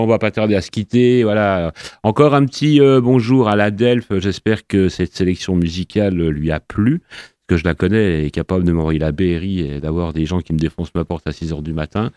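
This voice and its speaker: A man's voice: deep voice, mellow, no room sound, clean studio sound. A man hosting a radio music show, chatting casually between tracks in a rambling, friendly way with lots of fillers. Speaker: radio host.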